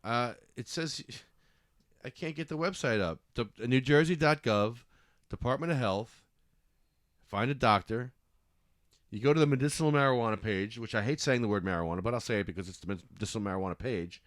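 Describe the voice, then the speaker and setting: A man's voice: mid-range voice, a little fast, dry recording, clean studio sound. A man hosting a casual call-in podcast, talking a caller through a website and getting worked up, swearing and apologizing. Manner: frustrated, swears and apologizes, flares up. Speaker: podcast host.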